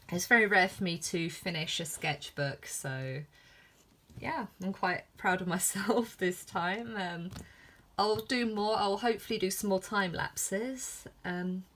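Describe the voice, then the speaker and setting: A woman's voice: fairly low pitch, fairly bright tone, slight background noise. A woman with a lisp talking casually and hesitantly through a sketchbook as an artist, in a giggly, self-deprecating way. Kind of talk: casual vlog commentary. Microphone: filmed on iPhone.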